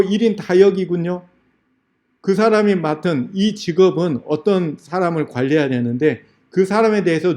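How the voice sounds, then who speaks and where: A man serving as a lay elder delivers a revival-meeting sermon lecture. He talks in a fairly high voice with a dark, mellow tone. He tells stories in a conversational way and often puts questions to the congregation. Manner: storytelling, acts out dialogues in a raised voice; direct questions to the audience.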